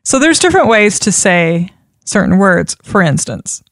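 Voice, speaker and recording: A woman giving an instructional talk on communication, measured and repeating key points for emphasis. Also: mid-range voice, very animated, dry recording, clean studio sound. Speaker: communication trainer.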